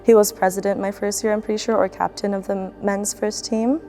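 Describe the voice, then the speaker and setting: A woman's voice: medium pitch, little pitch movement, a little fast, warm tone, faint music behind. A young woman student athlete from the Philippines, speaking in a casual, reflective documentary interview with fillers and restarts. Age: young adult.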